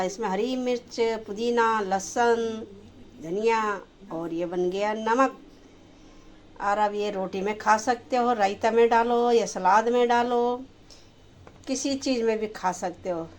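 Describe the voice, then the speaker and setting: A woman's voice: mid-range voice, slow, a little hiss or hum, low-quality recording. A woman chatting homely to her viewers in a casual home cooking vlog. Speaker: lifestyle vlogger.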